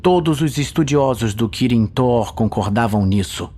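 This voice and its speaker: A man with a Brazilian accent gives a dramatic reading of a scripted fantasy audio story, expressive and a little slow, with a medium-pitched, somewhat dark voice. His narration sits over a musical soundtrack with sound effects.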